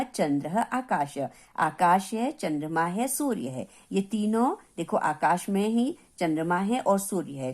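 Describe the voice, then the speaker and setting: A woman's voice: fairly low pitch, darkish tone. A woman teacher giving a revision lesson to young students, patiently repeating each word and explaining what it means.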